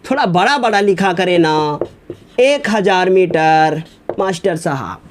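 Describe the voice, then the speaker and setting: A man's voice: high-pitched, expressive, takes it slowly, pitched below the performer's own voice. A male teacher briefly mimicking a young student who grumbles that the teacher writes too small. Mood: mock-grumbling. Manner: mock-complaining.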